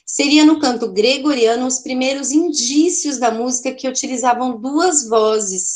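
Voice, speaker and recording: A woman teaching an online art class, explaining in a chatty way with a Brazilian Portuguese accent, often checking in with her students and correcting herself. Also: sits high.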